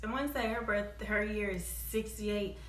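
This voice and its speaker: A woman's voice: medium pitch, fairly even intonation, normal speed, roomy sound, a little hiss or hum. A woman co-hosting a podcast in casual chat, blunt and playfully teasing. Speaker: podcast co-host.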